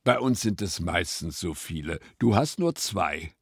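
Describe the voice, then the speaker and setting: A man's voice: deep voice, lively intonation, a little slow, breathy edge, dry recording, clean studio sound, heavily acted. A man voicing a curious, friendly young rabbit in a storybook reading.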